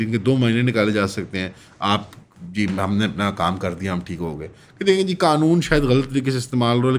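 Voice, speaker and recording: A man from Pakistan speaks straight to his viewers in an opinionated commentary monologue. His voice sits at an ordinary middle pitch, and he sounds emphatic and critical. English phrases slip into his speech. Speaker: commentary channel host.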